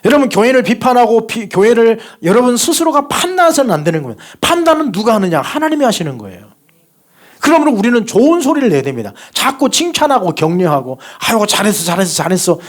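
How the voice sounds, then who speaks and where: A male pastor delivering a sermon at a church service, his fairly high voice swinging up and down with great animation. He presses his points through emphatic, repeated exhortations to the congregation.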